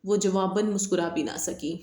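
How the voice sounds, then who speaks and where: Woman narrating a romance novel. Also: medium pitch. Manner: steady, dramatic storytelling. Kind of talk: audiobook novel reading. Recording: echoey room.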